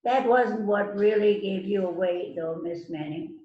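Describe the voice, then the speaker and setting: In an amateur readers theater mystery over an echoey, muffled, noisy online call, a woman voices a stern police detective questioning suspects. Her medium-pitched voice sounds natural and accusing. She reads in a halting way, tripping over and repeating words.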